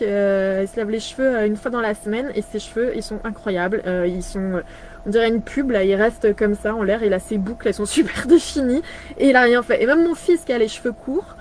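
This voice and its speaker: A woman in her thirties chatting casually on a live video, pausing often with fillers and restarting her sentences. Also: a little high, slight background noise. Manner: hesitant, many fillers and restarts. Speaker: brand partner presenting products.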